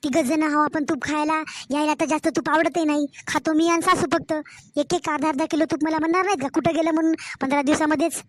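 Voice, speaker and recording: In a cartoon story, a woman voices a scheming, sweet-talking young married daughter, chatty and coaxing, with drawn-out village-style speech. Her high voice sounds natural and steady, with no echo.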